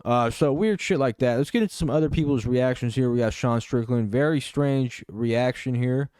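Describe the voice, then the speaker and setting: A man's voice: medium pitch, moderate pace, darkish tone, clean tone, dry recording, studio quality. A man hosting casual political reaction commentary, talking loosely with lots of fillers and the odd swear word.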